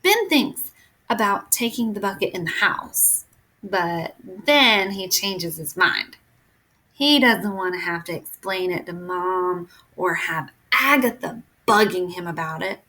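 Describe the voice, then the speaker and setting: A woman reading a children's chapter book aloud in an expressive, unhurried way. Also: lowish voice, poor audio. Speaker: reader.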